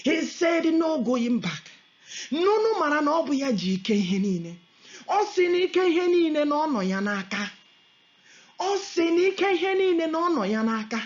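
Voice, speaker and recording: This lo-fi, dull recording holds a fervent prophetic sermon and prayer from an Igbo-accented Nigerian woman whose high, sing-song voice keeps a moderate pace. Emphatic and repetitive, she mixes Igbo, English and Pidgin.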